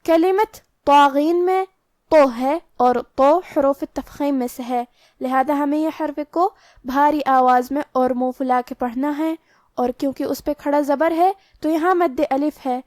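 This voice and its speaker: Female recitation teacher, high voice, dry close recording, measured and methodical. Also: fairly even intonation, darkish tone, no echo. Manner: measured, step-by-step instructional delivery. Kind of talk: tajweed lesson explaining pronunciation rules.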